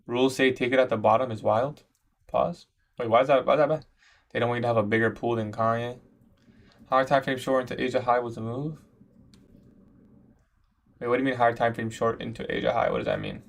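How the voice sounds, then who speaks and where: Fast and creaky with long pauses, his medium-pitched voice barely moves in pitch. The speaker, a 21-year-old Iraqi, runs a live trading stream, talking through his trades and answering chat in relaxed slang, calling everyone "bro."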